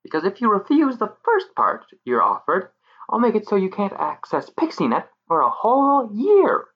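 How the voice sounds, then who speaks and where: A man voicing a small, bossy and scheming female pixie who taunts and threatens in a shrill voice. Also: wildly swooping pitch, normal speed, husky, full character voice. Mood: menacing. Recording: muffled lo-fi recording.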